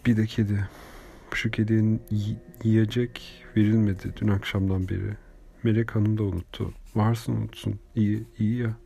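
A man narrating an audiobook in a measured, unhurried storytelling manner. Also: on the low side, little pitch movement, mellow. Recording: reading over clear background music.

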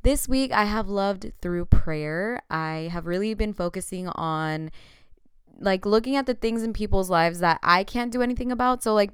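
A woman's voice: lowish voice, clean tone, dry recording, studio quality. A young woman hosting a faith podcast, talking casually and upbeat with lots of fillers. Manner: chatty, filler-heavy, upbeat. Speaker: podcast host.

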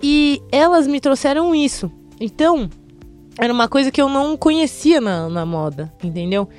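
A woman's voice: high voice, moderate pace, faint music behind. A young Brazilian woman, a fashion model, tells stories from her career in a casual interview, acting out other people's voices as she goes. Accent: Brazilian Portuguese. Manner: lively storyteller who acts out other people's voices.

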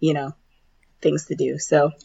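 Hoarse, gravelly woman podcaster, muffled sound. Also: low voice, level tone, a little slow, warm tone. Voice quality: raspy, husky. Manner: informal, heavy use of "like" and "you know". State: hoarse, voice nearly gone. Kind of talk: casual podcast chat.

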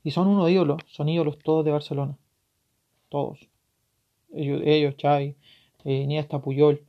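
A tearful man with a Chilean accent hosting a solo podcast, ranting passionately and swearing, his voice swinging from loud to hushed. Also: on the high side, flat delivery, moderate pace. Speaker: podcast host. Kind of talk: emotional solo podcast rant. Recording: dull lo-fi recording.

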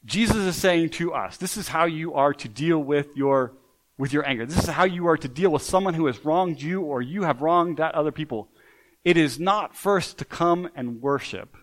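A man's voice: fairly high pitch, moderate pace, low-quality recording. A man preaching a sermon in a conversational way, often restarting sentences and checking in with "right?". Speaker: pastor.

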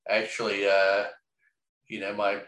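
A man's voice: on the low side, completely flat delivery, measured pace, a bit bright. A man talking casually and reflectively, rambling with lots of fillers and the odd swear word. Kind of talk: casual conversation. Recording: echoey room.

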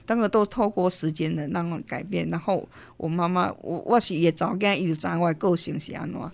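A middle-aged woman with a Taiwanese accent, an interview guest telling a personal story, lively and acting out the lines she quotes. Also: on the low side, fairly quick, gravelly. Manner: lively storyteller, mixes in Hokkien, acts out quotes.

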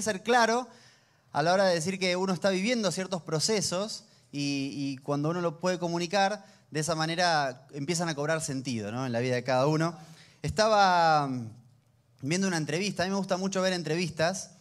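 A man, preaching a sermon in a conversational, humorous storytelling manner. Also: a little high. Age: 30s. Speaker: pastor.

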